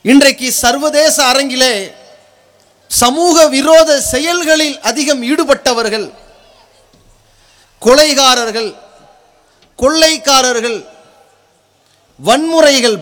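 High-pitched man preaching in thunderous oratory. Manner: forceful, declamatory, rhetorical build-up in short phrases.

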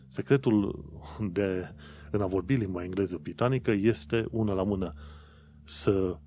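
A man's voice: fairly low pitch, mellow, slight background noise. A man talking casually to his viewers and explaining things in an informal, chatty way with frequent fillers and restarts. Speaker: vlogger.

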